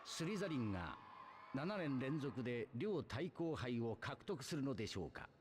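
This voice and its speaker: A man voicing an adult male game announcer who calls out house points in a measured, formal delivery. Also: mid-range voice, sing-song, slight background noise, natural voice. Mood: announcing.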